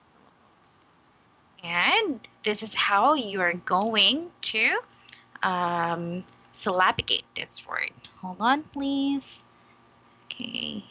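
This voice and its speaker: A woman's voice: medium pitch, sharp tone, rough recording. A woman giving an online English demo lesson, patient and encouraging, checking understanding with frequent "okay?".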